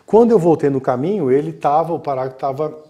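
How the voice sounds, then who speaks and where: A man's voice: a little high, fast talker, lo-fi sound. A man with a Brazilian Portuguese accent telling a story in casual live-stream talk, acting out the dialogue in it. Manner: animated, acts out quoted dialogue. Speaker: guest storyteller.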